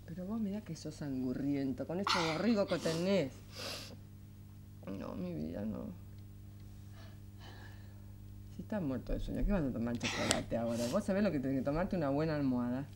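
An actress with a Rioplatense accent playing a tender, weary single mother who soothes her young son in a soft, coaxing voice that often sinks to a murmur. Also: deep voice, expressive, fast talker, few pauses, background noise. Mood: gentle, sleepy. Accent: Rioplatense Spanish. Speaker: mother of an eleven-year-old boy. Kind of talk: 1980s television drama acting.

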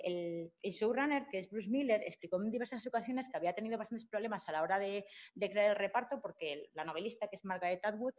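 A woman lectures slides at a mid pitch. She talks informally, stopping and restarting often. The sound comes a lecture room. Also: darkish tone. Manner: informal, many fillers and restarts. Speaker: lecturer at a summer course. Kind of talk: academic talk with slides.

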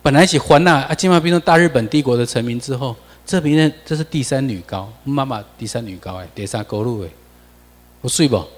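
Taiwanese male lecturer, mid pitch, lively rhetorical delivery, long hall reverb. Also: a little fast. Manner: animated, rhetorical questions to the audience. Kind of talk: classroom lecture with slides.

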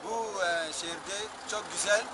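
A young man with an Ivorian accent and a high voice answers haltingly in a language he is learning. Loud street noise surrounds him. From Ivory Coast. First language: not Turkish, a learner. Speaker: student interviewee. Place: outdoors in a town square. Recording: very noisy outdoor street recording.

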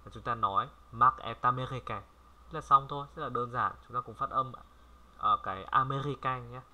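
A man from Vietnam giving a casual language lesson, chatty and repeating words slowly for viewers to copy. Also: mid-range voice, sharp tone, highs cut off. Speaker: French language tutor. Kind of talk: casual screen-recorded lesson.

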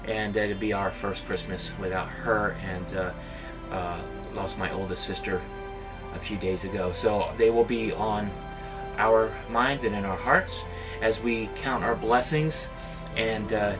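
Inside an RV decked out for Christmas, a middle-aged travel vlogger chats upbeat to a distant camera, using lots of fillers. His voice is fairly low, fairly even, and a little slow, slightly far from the mic with music in the background.

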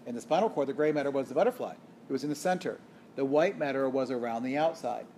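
A man delivers a college biology lecture in a screencast, walking through the material step by step at a middling pitch. He poses questions to his students and answers them himself, and sometimes stops to correct a slip. A faint hiss sits under the recording. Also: fast, darkish tone.

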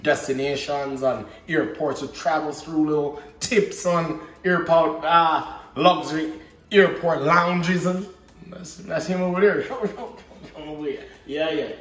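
The speaker's pitch is on the high side, his tone steady and a bit bright, his delivery unhurried. He's a thirtysomething Jamaican with a Jamaican accent, chatting easily and trading patois-flavored banter as he hosts a cooking vlog at home. Recorded indoors on a faraway camera mic, the clip has roomy kitchen echo and clear background noise.

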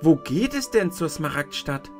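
A man reading a storybook aloud and voicing a polite, wondering young girl, higher and softer than his own voice. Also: very animated, unhurried, faint music behind.

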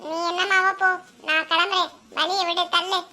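A woman's voice: very high-pitched, steady tone, normal speed, pushed and bright, heavily acted. A woman voicing a cheeky boy who teases and bosses his sister in a cartoon. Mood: teasing. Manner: bossy and mocking. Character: cheeky boy, teasing older brother.

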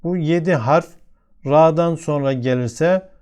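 A man's voice: fairly high pitch, takes it slowly, darkish tone, clean tone. A man with a Turkish accent teaching a tajweed lesson step by step, patiently repeating each example word. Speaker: Quran recitation teacher.

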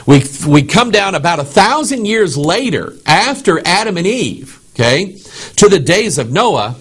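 A man giving an animated, sermon-style Bible teaching, often checking in with the audience. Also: high voice, unhurried, breathy edge. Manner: animated, keeps checking in with "okay?".

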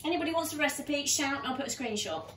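A woman's voice: sits high, lively intonation, fast, fairly bright tone. A woman from Sussex, chatting playfully as host of a home vlog in her kitchen. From Sussex, England. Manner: chatty and playful, with bursts of laughter. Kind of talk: casual home vlog chat.

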